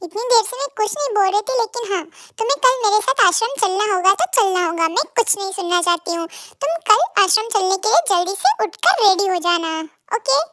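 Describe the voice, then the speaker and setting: A doting, fussy middle-aged mother spoils her son and scolds her husband, played by a performer with a very high voice. Her voice is very high and sits close to the mic in a dry room. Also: lively intonation, fast, few pauses, pushed and bright, dry recording, full character voice. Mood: hurt.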